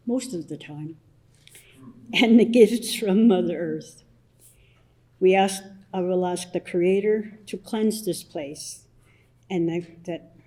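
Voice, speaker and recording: Older woman elder opening a community assembly; slow, soft and halting, low warm tone. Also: low-quality recording. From Blood Tribe, southern Alberta, Canada. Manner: soft-spoken, halting, many pauses and restarts. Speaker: elder leading smudge ceremony. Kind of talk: opening blessing and explanation at a public assembly.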